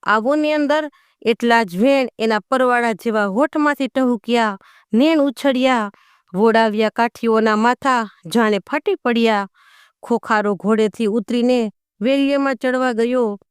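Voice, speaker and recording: A woman's voice: fairly high pitch, measured pace, smooth, no echo, studio quality. A woman narrating a folk tale in a dramatic storytelling manner, with rustic dialect in the characters' speech.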